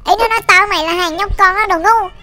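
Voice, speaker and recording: A woman voicing a bratty, boastful young boy artist who is brash, bossy and quick to take offence. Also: extremely high pitch. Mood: indignant. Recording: loud music behind.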